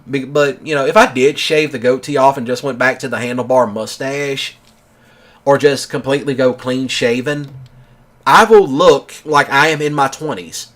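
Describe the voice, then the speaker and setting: Brief: male vlogger, 30s, mid-pitched, casual and rambling, leans on "you know" constantly. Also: a bit bright. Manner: rambling, filler-heavy with many "you know"s. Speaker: gaming channel host. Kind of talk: casual storytelling monologue.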